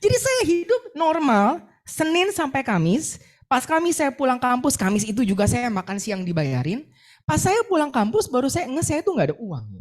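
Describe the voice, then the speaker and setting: Lively woman preaching a personal testimony. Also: high-pitched, moderate pace. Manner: lively storytelling, acts out her own words and prayers. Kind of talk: sermon testimony.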